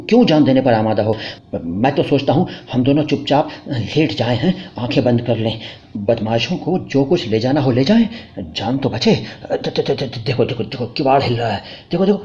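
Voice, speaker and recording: A man playing a scared young husband, stammering, hushed and quiet, breathy half-whisper, panicky, storybook reading, dull lo-fi sound. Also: medium pitch, natural voice. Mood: pleading. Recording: dull lo-fi recording.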